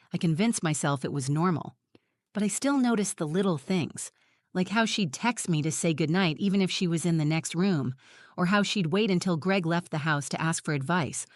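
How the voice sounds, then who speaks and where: A woman in her forties giving a measured, reflective first-person narration of a scripted story. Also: fairly low pitch, no echo, clean studio sound.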